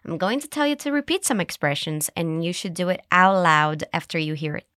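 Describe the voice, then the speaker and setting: A woman hosting an English lesson podcast, cheerful, modeling phrases slowly for listeners to repeat. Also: fairly low pitch, fairly bright tone, no room sound, clean studio sound. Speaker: English teacher and podcast host. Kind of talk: scripted language lesson.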